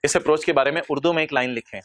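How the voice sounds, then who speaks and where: A male accounting lecturer, teaching a class by firing quick questions at the students and answering them himself. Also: fairly high pitch, fairly bright tone.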